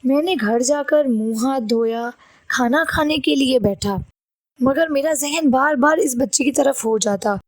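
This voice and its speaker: High-voiced woman reading a horror story. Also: no room sound. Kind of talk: scripted audiobook narration.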